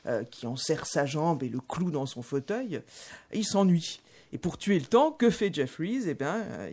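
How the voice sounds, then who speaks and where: A woman speaking as a guest on a radio show, lecturing on film in a measured way with many hesitations. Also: sits low, a little mellow. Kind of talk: talk radio film discussion.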